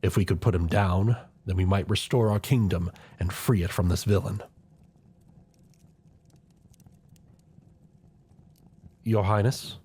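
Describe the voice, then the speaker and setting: His voice low, a little mellow, and somewhat rough-edged, a man plays an older chancellor of a fantasy royal court in an audio roleplay. Now urging, he keeps to formal, deferential, measured courtly speech, grave and loyal to the crown with a scheming side.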